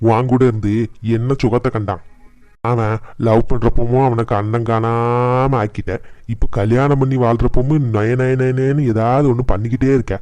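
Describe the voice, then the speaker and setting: A man's voice: medium pitch, mellow, no room sound, natural voice. A man playing a blunt, middle-aged Tamil father who grumbles at and mocks his wife in a cartoon family drama. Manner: grumbling, taunting. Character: exasperated middle-aged father, blunt, mocking henpecked husband.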